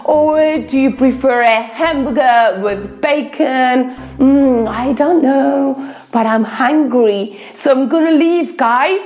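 High-voiced, slow, cheerful kids' teacher woman. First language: Spanish. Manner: animated, exaggerated, sounding out letters. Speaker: children's English teacher. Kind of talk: playful phonics lesson for kids.

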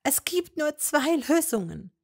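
A woman's voice: high-pitched, big pitch swings, a little slow, creaky, darkish tone, voice pushed up, exaggerated voice. A woman reading a fan story and voicing a desperate young witch who presses and pleads insistently. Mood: urgent, challenging. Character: desperate, stubborn young witch held captive.

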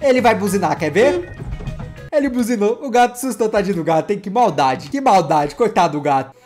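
An excitable man with a high voice rattles off playful reactions to funny cat clips and teases himself as he goes. His tone stays light and chatty, like a channel host talking to his viewers, with soft music running underneath. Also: a little fast. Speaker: YouTube gaming host.

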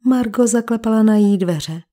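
Dark-voiced woman reading a crime story. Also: a little high. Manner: reads all characters with small shifts in voice. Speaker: audiobook narrator. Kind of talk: scripted crime story narration.

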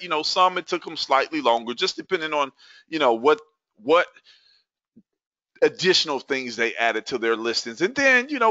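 A man's voice: medium pitch, sharp tone, no echo, highs cut off. A man hosting a live webinar, chatty and hyped, full of fillers and repeated phrases. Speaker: webinar host.

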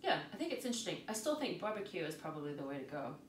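A woman's voice: deep voice, slight background noise. A young woman co-hosting a podcast, chatting casually and animatedly while tasting wine. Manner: animated, chatty, quick laughs. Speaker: podcast co-host. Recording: echoey room, faint ambience.

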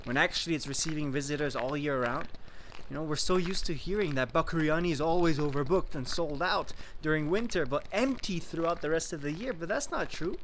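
Outdoors at a sunny mountain resort, a young real estate investor holds his phone at arm's length to film a selfie-style property vlog. He speaks briskly in a slightly bright voice, upbeat and persuasive as he pitches to investors, with a little hiss or hum in the audio.

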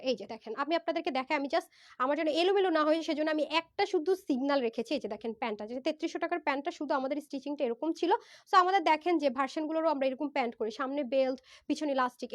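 Hoarse woman w doing a fast phone livestream sale, quick pushy talk with english words mixed in. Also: high voice. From Bangladesh. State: hoarse from a fever. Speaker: online clothing seller. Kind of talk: live-stream sales pitch.

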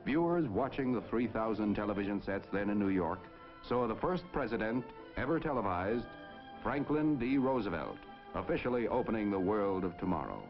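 Male announcer, 1950s broadcast narration, stately and declamatory, low voice, muffled old film soundtrack. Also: very animated, moderate pace, soft background music.

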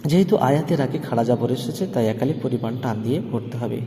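A man teaching Quran reading, spelling out syllables slowly and breaking into melodic chanted recitation. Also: mid-range voice, mellow, big-room sound, slight background noise.

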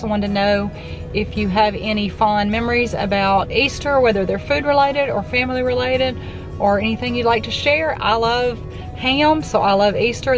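A middle-aged woman chats casually into a camera held at arm's length from her parked car. She walks through prices and plans for the week in an easy, talkative way. Clear background music plays under her voice. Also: on the high side. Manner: chatty, thrifty, talks through prices and plans. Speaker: cooking channel host. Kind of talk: casual vlog chat.

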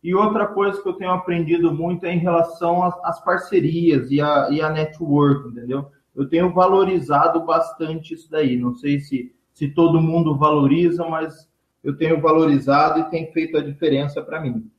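A man, a teacher of entrepreneurship, answering interview questions in relaxed talk with many fillers and trailing phrase ends. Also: on the high side, normal speed, reverberant, dull audio. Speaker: entrepreneurship teacher and speaker, guest.

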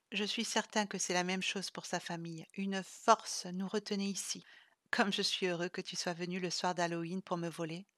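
A woman's voice: medium pitch, a bit bright, no room sound, studio quality, natural voice. A woman voicing a tender ageless cursed man. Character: gentle cursed centuries-old man, tender, weary.

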